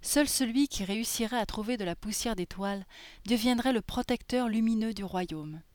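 Soft-spoken woman reading a fairy tale. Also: fairly high pitch, normal speed, no echo. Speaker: storyteller.

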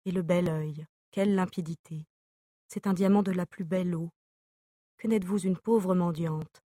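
A woman's voice: on the low side, fairly even intonation, moderate pace, warm tone, dry recording, studio quality, lightly acted. A woman reading an eccentric scientist. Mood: eager. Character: eccentric male scientist, excitable and tactless.

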